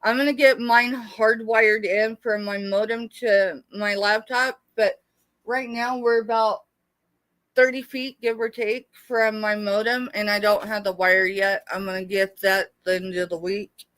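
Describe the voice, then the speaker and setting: In an unhurried, steady, slightly bright mid-range voice with no room sound, a middle-aged woman from the United States, born in Texas, hosts a casual live sale. The small seller is chatty and rambling, talking with her viewers in a familiar way.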